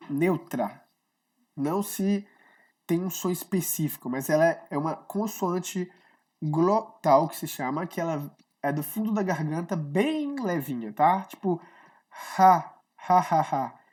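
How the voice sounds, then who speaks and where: A woman's voice: low voice, a little mellow. A woman gives a casual online Hebrew lesson, explaining each letter step by step and often checking in with her students. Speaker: Hebrew teacher.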